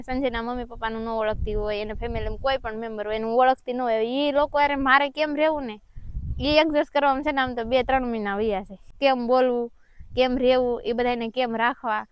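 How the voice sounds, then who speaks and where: A young woman talks through her own story in a casual vlog, earnest and heartfelt. Her voice sits a little high and sounds smooth and clear. It is close and dry, with no room sound. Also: no echo. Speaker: vlogger. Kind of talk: casual chat.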